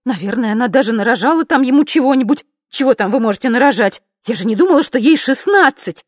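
A woman voicing an agitated widow who rambles and shouts in a storybook. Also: mid-range voice, very animated, a little fast, no echo, studio quality, voice pushed up. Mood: rambling. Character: frantic wife and widow, middle-aged woman.

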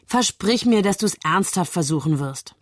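A woman's voice: fairly low pitch, lively intonation, moderate pace, no echo. A woman voicing an earnest young woman who talks in a sober, disapproving way, read in a dry studio. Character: serious, earnest young woman, a sensible sister. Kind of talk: literary reading.

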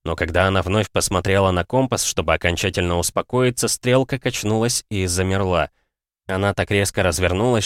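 A man narrating an audiobook in a steady, even storytelling manner. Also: low-pitched, no echo, clean studio sound.

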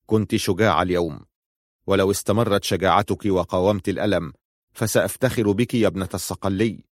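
A stern male leader with a low voice gives clipped, firm orders as a narrator reads him. He softens into quiet reassurance when he talks to the wounded, and the recording is dry and close. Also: brisk, no echo, close to an everyday voice. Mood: gentle. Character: stern protective male clan leader, commanding yet tender.

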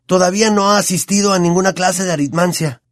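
A man's voice: sits high, fast talker, fairly bright tone, no room sound, clean studio sound, pitched above the performer's own voice. Ron, a man doing a worried teenage boy. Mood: worried, heated. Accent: Latin American Spanish. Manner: earnest and worried. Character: anxious superstitious teenage boy, quick to anger.

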